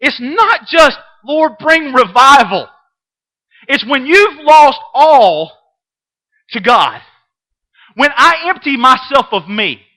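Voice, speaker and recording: Middle-aged guy preaching to a church class, real high bright voice, goes quiet then loud, repeats stuff a lot. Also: big pitch swings, takes it slowly, pauses often, low-quality recording. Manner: impassioned, repeats himself, swings from hushed to loud. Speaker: Sunday school teacher. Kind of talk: sermon. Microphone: webcam.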